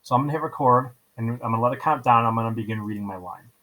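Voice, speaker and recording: In a casual step-by-step screencast, a software teacher races along in a mid-range, slightly bright voice. He tends to repeat himself and regularly checks in with "right?"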